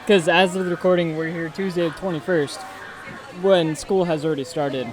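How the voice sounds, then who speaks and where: A man's voice: a little high, steady tone, normal speed. A man hosting a vlog, explaining things casually like a tour guide as he walks through a busy theme park outdoors. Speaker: vlog host. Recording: loud crowd noise outdoors.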